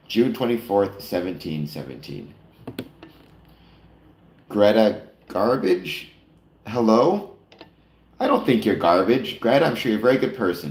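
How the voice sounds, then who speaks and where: A man with a lowish, slightly mellow and a little nasal voice hosts a casual late-night chat stream. He talks to his viewers with lots of fillers and self-corrections, and the recording has a roomy echo.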